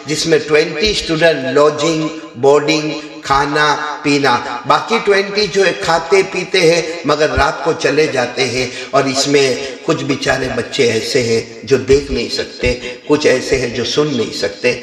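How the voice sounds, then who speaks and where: In a sermon, a male Islamic preacher narrates a story with animated delivery and sudden leaps upward in pitch. His fairly high voice rings through a large, spacious hall with long reverb.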